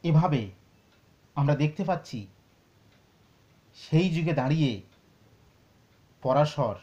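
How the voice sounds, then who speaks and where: Measured man lecturing on scripture. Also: fairly high pitch, dark tone, highs cut off. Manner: measured, explanatory, recites Sanskrit verses. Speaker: Sanskrit teacher.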